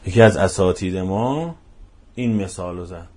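A man preaching a religious sermon, telling stories emphatically and swinging between hushed and loud, passionate delivery. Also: sits low. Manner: repetitive, emphatic storytelling.

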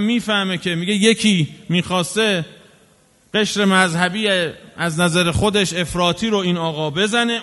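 A man's voice: high-pitched, a bit bright. A man delivering an impassioned sermon, scolding and full of rhetorical questions. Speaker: preacher. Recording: long hall reverb.

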